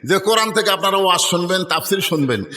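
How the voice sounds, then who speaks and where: A man's voice: high-pitched, animated, quick pace, bright, forceful tone, big-room sound. A man from Bangladesh, telling stories in a sermon and calling on the crowd to answer aloud. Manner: storytelling preacher who keeps calling on the crowd to answer aloud. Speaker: preacher. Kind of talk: sermon at an open-air religious gathering.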